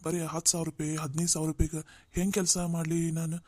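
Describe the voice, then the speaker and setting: A man voicing a humbled, jobless older brother in a cartoon drama, speaking gently. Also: fairly high pitch, monotone, brisk, dry recording, lightly acted. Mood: regretful. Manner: gentle, pleading, dialect-heavy.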